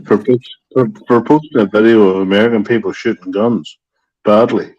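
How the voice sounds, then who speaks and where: A man's voice: on the low side, steady tone, moderate pace, darkish tone, muffled recording. A man chatting on a live stream, talking in a crude, brash way. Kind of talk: casual chat.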